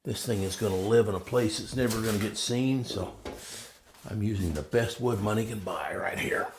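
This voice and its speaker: Guy w a lowish voice talking thru a woodworking tip, folksy and joking at himself, faint hum behind. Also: normal speed. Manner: folksy and self-deprecating. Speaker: woodworker demonstrating a technique. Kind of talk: casual how-to demonstration.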